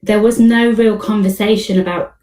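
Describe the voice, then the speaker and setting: A woman's voice: mid-range voice, steady tone, normal speed, darkish tone. Woman in her forties, distant and echoey. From United Kingdom. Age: 40s. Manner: conversational, leans on "you know". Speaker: panelist. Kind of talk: casual online panel talk.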